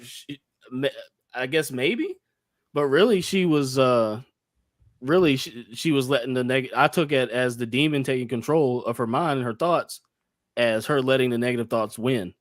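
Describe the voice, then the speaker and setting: A man co-hosting a casual podcast at a middling pitch, and he rambles loosely, stacking up fillers and curse words as he explains. His voice sounds dry and close, with no room around it. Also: moderate pace, no room sound. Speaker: podcast co-host. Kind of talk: casual chat.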